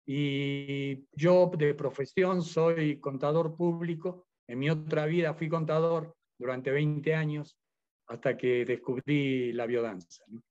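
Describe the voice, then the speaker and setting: Man in his seventies, fairly high voice, muffled lo-fi sound, halting with fillers. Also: steady tone, darkish tone. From Argentina. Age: 70s. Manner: hesitant, many fillers and restarts. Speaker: interview guest, Biodanza teacher. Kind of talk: casual interview.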